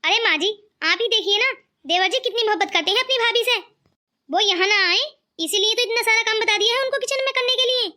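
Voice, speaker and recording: A woman's voice: very high voice, fairly quick, sharp tone. A woman voicing a sly, clever young married woman who makes mocking asides.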